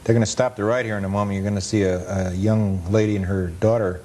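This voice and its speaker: A fast-talking man with a dark tone and fairly even intonation narrates over old footage, offering casual, matter-of-fact commentary rich in detail and anecdotes. He's a guest, a film collector and amusement park historian, and the audio is noisy, rumbly 1980s cable TV sound.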